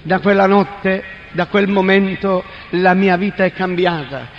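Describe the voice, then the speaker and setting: A man's voice: high-pitched, fairly even intonation, a little slow, muffled recording, a little hiss or hum. Man testifying in an echoing hall. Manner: dramatic storytelling, acts out quoted voices. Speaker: testimony speaker. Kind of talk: spoken conversion testimony.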